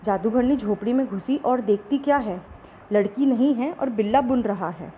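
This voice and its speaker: A woman tells a children's bedtime fairy tale with an expressive, lively delivery. Her voice sits a little high, and a faint hiss runs under the recording. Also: normal speed, rough recording. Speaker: storyteller. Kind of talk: bedtime story narration.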